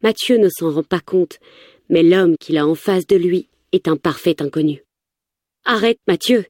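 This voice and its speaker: A woman's voice: lowish voice, moderate pace, dark tone, dry recording, clean studio sound. A woman narrating a first-person story with tense, urgent delivery.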